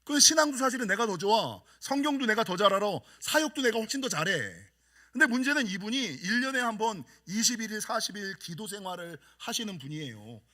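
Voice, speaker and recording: A middle-aged man preaching a sermon from the pulpit of a church. His voice is bright and high, and he tells personal stories with self-mocking humor. The delivery stays lively and conversational throughout. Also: a little fast. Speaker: senior pastor.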